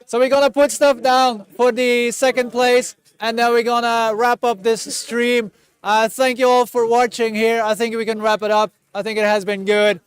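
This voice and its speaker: A man hosting a live-streamed award ceremony, yelling excitedly as he announces winners and prizes and losing his voice. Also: very high-pitched, moderate pace, smooth, dry recording. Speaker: event host announcing prizes.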